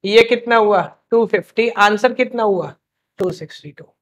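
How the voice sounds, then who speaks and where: A young man teaching a live class, quizzing students with quick questions and scolding them playfully to keep them motivated. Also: high-pitched, fairly bright tone.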